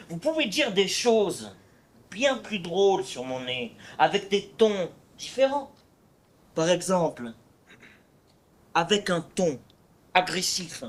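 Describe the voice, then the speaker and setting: Cyrano, a man playing a proud big-nosed swordsman poet. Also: high voice. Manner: proud, teasing, theatrical recitation with hesitant fillers. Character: boastful witty male swordsman poet with a huge nose. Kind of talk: amateur stage play performance.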